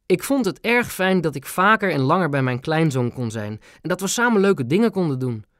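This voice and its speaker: A man's voice: a little high, very animated, fairly quick, a bit bright, dry recording, voice pushed up. Man doing old grandma, earnest, lilting, dry close sound. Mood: tender. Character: warm elderly grandmother, pleading, devoted. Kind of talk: audiobook character voice.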